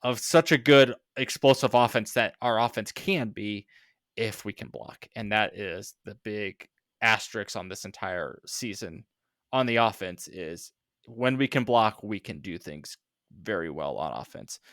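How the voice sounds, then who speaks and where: Low-voiced sarcastic man on a sports podcast. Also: a little slow, fairly bright tone, no room sound, clean studio sound. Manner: sarcastic, rambling with many fillers. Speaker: podcast co-host. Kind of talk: casual sports podcast chat.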